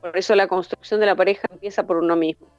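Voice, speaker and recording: A woman's voice: lowish voice, steady tone, fast talker, darkish tone, dry recording, soft background music. A woman who runs workshops, talking in a flowing, teacherly way and building her points through lists. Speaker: workshop facilitator. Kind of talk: reflective conversation. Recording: dull lo-fi sound.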